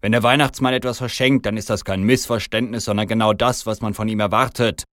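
A jolly, grumbling Santa Claus who booms out his words, played by the man reading the story. The voice stays deep and gets loud. Dry, close recording. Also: lively intonation, normal speed, dry recording, lightly acted. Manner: booming, grumbling.

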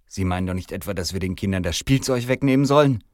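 A soft-hearted policeman caught off guard, voiced by a man reading aloud. He stays near his own low voice and stumbles over words. Close, dry sound. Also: lively intonation, fast, no room sound. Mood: startled. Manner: stammering, dry.

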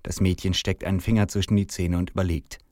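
Deep-voiced man reading a story. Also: little pitch movement, fast, darkish tone, dry recording, clean studio sound. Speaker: narrator. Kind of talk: read-aloud first-person story.

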